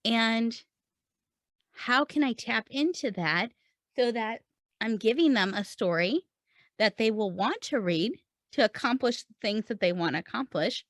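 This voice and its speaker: A writing coach hosting a podcast, this woman speaks in a slightly high, expressive, fairly bright voice at a measured pace, explaining things step by step in a casual monologue where she raises and answers her own questions. The sound is dry and studio quality.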